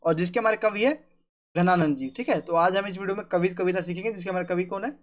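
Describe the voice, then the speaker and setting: A man teaching a poetry lesson to school students, repeating points often and checking in with "ठीक है", reciting verse slowly. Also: high voice.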